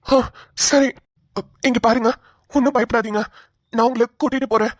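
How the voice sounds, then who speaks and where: A woman voicing a gentle young cartoon man. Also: fairly high pitch, fairly even intonation, normal speed, no echo, studio quality, close to an everyday voice. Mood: reassuring. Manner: soothing, reassuring. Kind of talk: cartoon voice acting.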